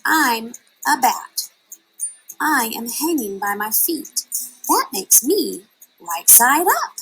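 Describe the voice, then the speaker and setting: Storybook bat stranger, played by a woman: raised pitch, slow emphatic delivery, bossy know-it-all. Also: very animated, fairly bright tone, breathy edge, soft background music, heavily acted, low-quality recording. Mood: bold, correcting. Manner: emphatic, matter-of-fact correcting. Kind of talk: children's storybook read-aloud.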